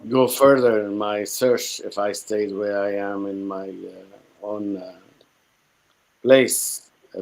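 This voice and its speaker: On a low-quality recording, a middle-aged Syrian spiritual healer with a Syrian accent recounts his own experiences as a guest. A native Arabic speaker with a lowish voice, he reflects haltingly and often repeats himself as he looks for the right words.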